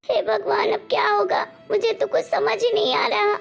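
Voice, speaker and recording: A woman voicing an anxious elderly mother-in-law in an animated family story, wailing and calling on God. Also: extremely high pitch, moderate pace, gravelly, soft background music, heavily acted. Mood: distressed.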